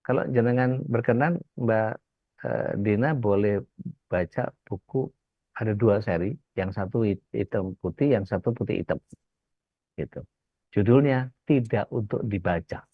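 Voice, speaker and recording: A man's voice: on the low side, unhurried, breathy edge, dry recording. A male Islamic preacher giving a casual religious talk, telling stories and acting out the voices of the people in them. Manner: storytelling, acts out quoted characters. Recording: dull, dry lo-fi sound.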